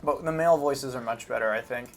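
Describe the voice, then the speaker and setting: This man speaks quickly in a medium pitch while commenting on a video game off the cuff. He's a gaming host whose informal talk is hesitant, as if he's working things out aloud.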